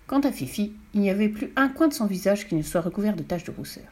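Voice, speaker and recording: A woman reading a children's story aloud. Her delivery is clear and expressive, and her pitch sits in a middle range. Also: quick pace. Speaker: audiobook reader.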